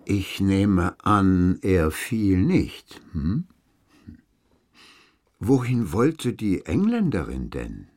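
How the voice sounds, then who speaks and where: A man's voice: sits low, sing-song, extremely slow, a little mellow, heavily acted. An actor playing a baffled, sceptical man who puts pointed questions in a radio play. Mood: dry scepticism.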